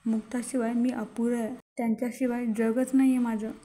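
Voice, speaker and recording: Quiet reserved husband read by a woman. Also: fairly high pitch, little pitch movement, fairly quick, close to an everyday voice. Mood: earnest.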